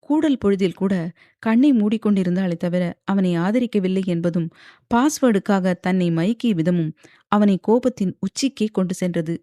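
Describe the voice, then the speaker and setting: A woman narrating a romance novel as an audiobook, with even, steady storytelling. The voice sits in the middle of the range and is recorded close and dry. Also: medium pitch, moderate pace, no room sound. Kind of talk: scripted narration.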